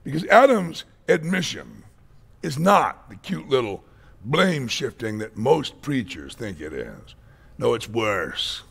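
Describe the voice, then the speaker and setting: A man's voice: mid-range voice, very animated, slow, gravelly, fairly bright tone, breathy edge. A male pastor preaching a blunt, dramatic, emphatic sermon at a conference. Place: conference hall.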